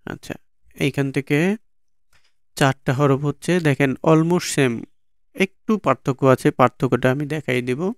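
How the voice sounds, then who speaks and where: Speaking with a Bangladeshi Bengali accent, this man teaches the pronunciation of Quran letters from slides in a slow lesson, going over every sound patiently and repeatedly. His voice is on the high side, his pace measured with frequent pauses, captured in studio quality with no echo.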